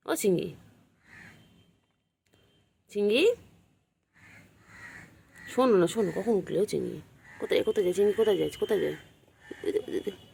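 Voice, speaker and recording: A woman's voice: fairly low pitch, vocal fry, darkish tone, a little hiss or hum. A woman filming her cats outdoors on a phone and cooing to them in sing-song baby talk. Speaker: pet vlogger. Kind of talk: casual vlog, cooing to cats.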